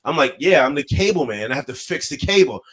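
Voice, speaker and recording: High, animated man telling a story. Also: quick pace, a little hiss or hum. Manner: animated, acts out voices in his stories. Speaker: podcast co-host. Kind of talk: casual storytelling banter.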